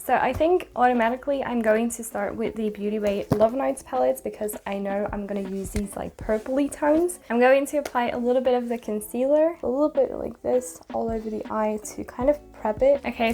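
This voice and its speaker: Chatty young woman with a gravelly edge. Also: a little high, darkish tone. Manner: chatty, rambling with small asides. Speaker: beauty vlogger. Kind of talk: casual makeup tutorial chat.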